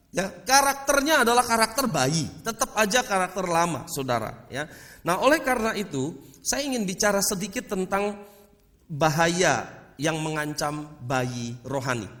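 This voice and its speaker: Animated preacher with a big hall echo. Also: male voice. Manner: addresses the congregation often as "saudara", animated swings in pitch and loudness. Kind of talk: sermon. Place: church hall. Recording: long hall reverb.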